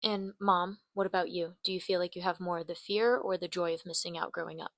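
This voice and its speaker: A woman's voice: fairly low pitch, fairly even intonation, fairly quick, fairly bright tone, dry recording. A young woman hosting a podcast, interviewing her parents with upbeat, conversational questions. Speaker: podcast host.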